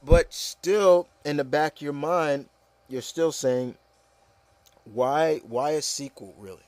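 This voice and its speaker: A man hosts a podcast, leading a casual, opinionated discussion in which he speaks emphatically and repeats phrases to hammer home his points. His voice is on the high side, slow, and a little mellow, with no room sound.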